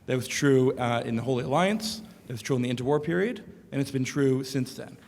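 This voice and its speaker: Male audience member, hoarse and gravelly, halting question, reverberant hall. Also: mid-range voice, a little mellow. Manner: halting, many filler sounds. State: losing his voice. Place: lecture hall.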